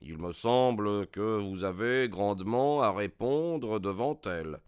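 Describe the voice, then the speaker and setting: A man voicing Sherlock Holmes as a calm, assured detective in a read-aloud story, pitching his voice up and giving it a different color. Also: slow, clean tone, dry recording, clean studio sound.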